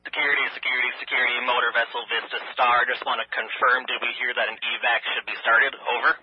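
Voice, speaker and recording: A man on a boat radioing urgent updates, repeating his call signs in a hurried way over a marine radio transmission. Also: medium pitch, level tone, breathy edge, dry recording. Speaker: vessel captain on the radio. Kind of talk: marine radio distress calls. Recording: dull marine radio audio.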